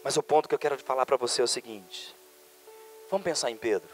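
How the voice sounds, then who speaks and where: A male pastor preaching a sermon, moving from quiet storytelling to loud, high, fervent preaching. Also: fast talker, faint music behind. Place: church conference hall.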